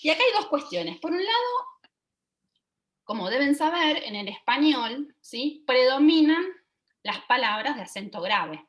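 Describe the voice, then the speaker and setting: A woman, giving an online teaching talk over a video call and often pausing to check that listeners are following. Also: high voice, big pitch swings. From Argentina. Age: 40s. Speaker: lecturer.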